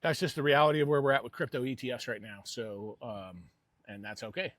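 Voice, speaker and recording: Husky guy rambling casually on his money vlog, real dry sound. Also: mid-range voice, steady tone, fairly quick, fairly bright tone, no echo. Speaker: host of a personal investing vlog.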